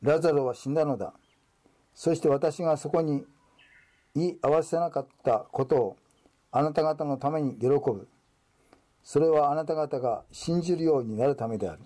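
A man reading the words of Jesus in a solemn, measured scripture reading. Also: fairly high pitch, warm tone, natural voice. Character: Jesus, calm authoritative male teacher.

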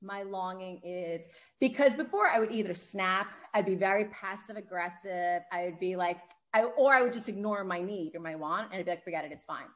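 A woman guest on a podcast, telling stories in an animated, chatty way full of "like" and "you know". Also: mid-range voice, fairly quick, few pauses. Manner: animated storyteller, heavy use of "like" and "you know". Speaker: guest author. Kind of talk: casual podcast conversation.

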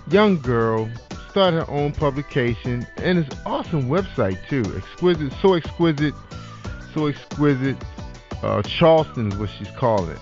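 A man hosting a casual online radio talk show, animated, with lots of shout-outs and "that's right". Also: mid-range voice, normal speed. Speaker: podcast host. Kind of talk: casual internet radio chat. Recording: dull lo-fi sound with faint music.

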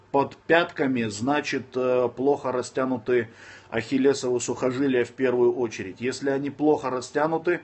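A slightly rough, mid-range male voice belongs to a Dagestani man in his thirties answering questions on a casual livestream. He sits indoors with his phone camera close, and he's blunt, cursing freely and lashing out at trolls amid calm advice.

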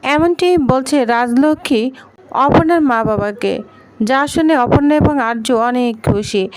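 A woman's voice: high voice, moderate pace, clear, resonant tone, no echo. A woman narrating a TV serial recap, addressing viewers and reading every character's lines. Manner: steady storytelling with viewer address.

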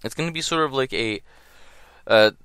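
This man's mid-range voice is smooth and a bit bright, recorded with no echo, and he speaks at normal speed. He's offering casual gameplay commentary in a groggy early-morning way, meandering and unsure, full of ums and half-finished thoughts.

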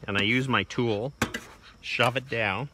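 This homesteading vlogger, a man in his forties, has a mid-range voice with a steady tone and takes his time explaining. He demonstrates a task casually and plainly outdoors in a wooded bee yard, filler words loosely sprinkled throughout. The close-held phone picks up a noisy background of crickets and insects.

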